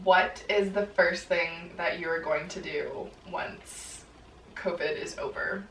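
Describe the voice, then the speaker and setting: A woman's voice: on the low side, fairly even intonation, slow pace. A young woman in casual chat, asking questions as a sorority sister. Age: young adult. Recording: roomy, distant mic, noisy.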